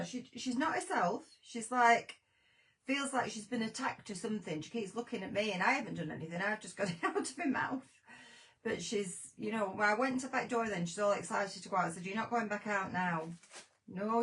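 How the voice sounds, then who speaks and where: A woman's voice: fairly high pitch, creaky, a bit bright, rough recording. A woman hosting a casual live stream from home, shaken and flustered, talking in a rambling, chatty way. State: shaken after a scare. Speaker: craft show host.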